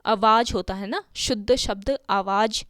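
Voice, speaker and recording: A woman's voice: mid-range voice, a little slow, a bit bright, no room sound, clean studio sound. A woman teaching an exam-prep grammar lesson, asking her own questions and answering them, spelling words out sound by sound. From India.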